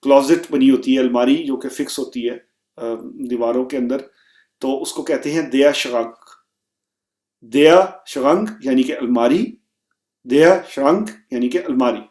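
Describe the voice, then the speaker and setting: A man teaching vocabulary, saying each word slowly and repeating it so learners can echo him. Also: medium pitch, darkish tone. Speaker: German teacher. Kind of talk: vocabulary lesson. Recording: echoey room.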